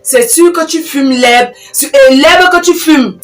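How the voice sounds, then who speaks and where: An exasperated married younger sister lecturing her freeloading brother, played by a woman. Her voice is high and emphatic as she scolds in a comedy sketch. It sounds roomy and distant, with faint music behind. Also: unhurried. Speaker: comic actress.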